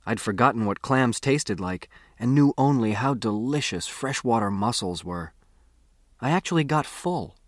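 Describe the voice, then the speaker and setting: A medium-pitched American man works as an audiobook narrator, expressively telling a first-person story the way a boy might chat about his own adventure. The sound is dry and studio-clean.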